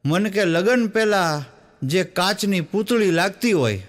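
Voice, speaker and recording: A stand-up comedian who tells folk stories and acts out the people in them, throwing quick asides to the audience. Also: male voice, high voice, lively intonation. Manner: storytelling in quoted voices, with the audience laughing along; tosses quick asides to the crowd. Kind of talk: Gujarati folk comedy storytelling on stage.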